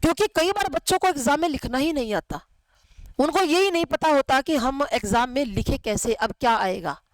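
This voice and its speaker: Woman teacher, high voice, chatty lecture, asks and answers herself, dry close sound. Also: lively intonation, normal speed, no echo, rough recording. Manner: conversational, asks and answers her own questions. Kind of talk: classroom lecture.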